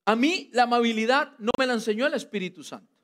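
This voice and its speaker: A man with a Costa Rican accent preaching a lively sermon, playful and teasing with his congregation. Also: extremely high pitch, fast talker. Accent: Costa Rican Spanish. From Costa Rica.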